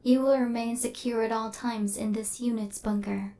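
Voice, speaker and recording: For an ASMR roleplay, a woman plays a female killer robot who is coldly logical but tenderly possessive, phrasing everything in a formal, deadpan, machine-like way. Her pitch is fairly high, her pace normal, and the acting light, with a resolute mood.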